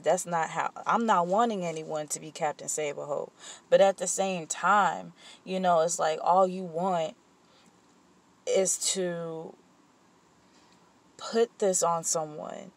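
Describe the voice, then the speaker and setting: A vlogger talking candidly in a personal vent session, rambling with fillers and restarts, and turning blunt and profane when heated. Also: mid-range voice. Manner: candid and rambling, with frequent fillers and self-corrections.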